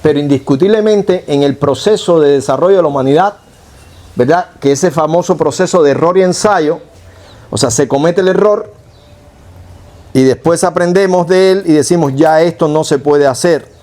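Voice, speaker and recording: Higher-voiced Cuban preacher. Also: male voice, normal speed, mellow. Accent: Cuban Spanish. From Cuba. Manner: conversational teaching, with rhetorical questions and self-corrections. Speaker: pastor. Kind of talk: sermon.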